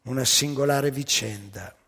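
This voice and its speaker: A man with a gravelly, husky, mid-range voice delivers a theatrical monologue as a stage storyteller, rhetorical and emphatic, splitting sentences into short phrases. His pace is measured and his tone fairly bright, and he is in a large hall.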